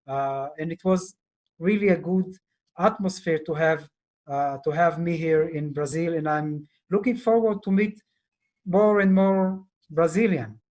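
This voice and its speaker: Slow, halting man on a video call. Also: a little high, a little mellow. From Ethiopia. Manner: slow, halting, many fillers. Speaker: diplomat guest. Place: office indoors. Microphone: earphone mic on video call.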